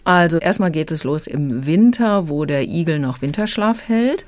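Calm radio book reviewer. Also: mid-range voice, normal speed, dry recording. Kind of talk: explanatory radio talk.

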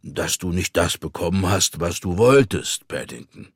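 Man reading a kind old antique shop guy, deep husky voice, dry sound. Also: lively intonation, moderate pace, dry recording, full character voice. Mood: gentle. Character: kindly older male antique dealer, calm and wise. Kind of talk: audiobook reading.

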